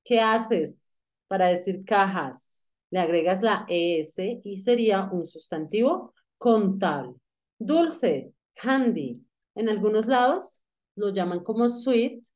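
A woman's voice: medium pitch, expressive, slow, darkish tone. A woman teaching an English grammar lesson, explaining patiently and asking the student questions as she goes. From Colombia.

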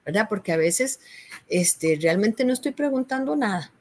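A woman's voice: medium pitch, animated, moderate pace. Patient Costa Rican woman tutor explaining. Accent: Costa Rican Spanish. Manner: patient, explanatory, frequent "¿verdad?" and "este". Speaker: university tutor. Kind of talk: explaining a course assignment.

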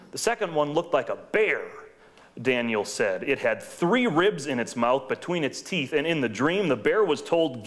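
Male pastor, mid-pitched, sermon delivery, slows and pauses for weight. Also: fairly bright tone. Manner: dramatic pauses, slows down for emphasis.

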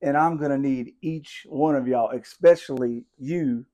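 A woman's voice: rumbling low, measured pace, warm tone. A woman reading a children's campfire story aloud, then chatting playfully with her kids. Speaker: family channel storyteller.

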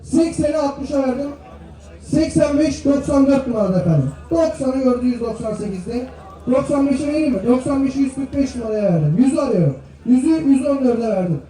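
Very high-pitched male livestock auctioneer, echoey. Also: dark tone. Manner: chanting repeated bids and numbers, formal address to bidders. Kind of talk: auctioneer calling bids and lot numbers. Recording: echoey PA from far off, faint crowd.

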